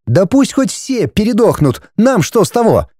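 A man voicing a haughty, scornful aristocratic wife and mother in an audiobook, raising his voice into a high, dismissive tone. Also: big pitch swings, moderate pace, mellow, no echo, studio quality. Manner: shrill, dismissive, indignant.

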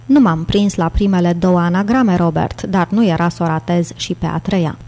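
A woman narrator voicing a clever, confident young woman with a triumphant, brisk manner. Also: fairly low pitch, darkish tone, close to an everyday voice.

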